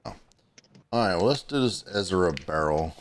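A male gaming streamer with a fairly low voice that swings up and down a lot as he talks. He chats casually with friends, cusses freely and grumbles whenever the game acts up. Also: expressive, normal speed, a little hiss or hum. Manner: chats with friends between gameplay. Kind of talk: casual let's-play commentary.

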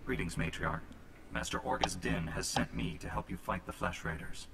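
A man's voice: deep voice, huge pitch swings, normal speed, creaky, roomy sound, noisy background, full character voice. An actor playing a stiff, formal male Jedi hero in a video game.

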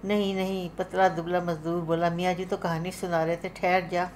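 A woman's voice: lowish voice, flat delivery, normal speed, a little mellow, a little hiss or hum. A woman with a Pakistani Urdu accent, narrating a literary story as an audiobook reader, dramatic and lifting her voice for the characters' cries.

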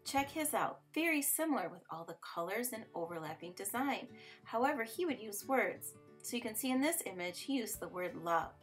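A woman's voice: fairly high pitch, expressive, fairly quick. Woman narrating a children's lesson over music. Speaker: narrator, art teacher. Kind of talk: scripted educational narration for children.

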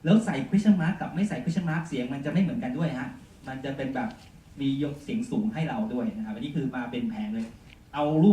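A man's voice: medium pitch, mellow. Man teaching in an echoey room. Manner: chatty, full of polite particles. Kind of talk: software demonstration lesson. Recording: echoey room, mic far off, faint noise.

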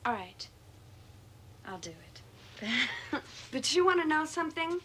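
An actress playing a vain, easily exasperated teenage big sister in a film comedy. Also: female voice, high-pitched, very animated, slow pace, pushed and bright, slight background noise, full character voice. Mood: exasperated, pleading. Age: young adult.

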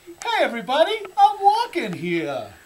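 A man voicing a brash New York pedestrian in a put-on New York accent, yelling slow and drawn out at a cab. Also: extremely high pitch, huge pitch swings, a little hiss or hum, voice pushed up, heavily acted. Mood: indignant. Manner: loud, drawn-out, indignant shouting.

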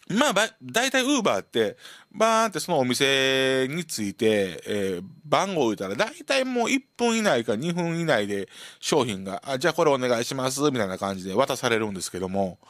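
Lively Kansai man telling a story. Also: medium pitch, moderate pace, dry recording, clean studio sound. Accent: Kansai Japanese. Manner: animated, full of sound effects and acted-out voices. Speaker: radio host. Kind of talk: casual storytelling monologue. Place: community radio studio.

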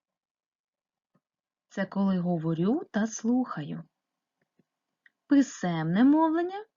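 A woman's voice: mid-range voice, darkish tone, husky, highs cut off. A woman teaching a primary school class remotely, explaining step by step and asking patient questions. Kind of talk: remote lesson narration.

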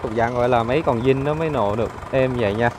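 A man's voice: mid-range voice, quick pace. A man with a Southern Vietnamese accent, a used car dealer giving a casual walkaround of a vehicle in a chatty, upbeat sales patter. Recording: engine noise and ambient clatter. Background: idling car engine.

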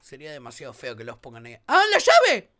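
A woman with an Argentine accent, a gaming YouTuber doing let's play commentary, excitable, often shrieking and laughing, with a sore throat. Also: deep voice, a little fast. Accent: Argentine Spanish.

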